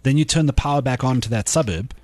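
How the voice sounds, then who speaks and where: A man's voice: mid-range voice, fast talker, a little mellow, dry recording. A South African man co-hosting a radio show, bantering casually in a blunt, wry way.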